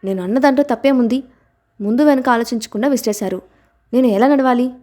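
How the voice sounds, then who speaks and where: A woman reading an audiobook aloud and voicing an emotional young wife who is quick to protest, her pitch and volume lifting a little above her narration. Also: mellow, close to an everyday voice. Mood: indignant.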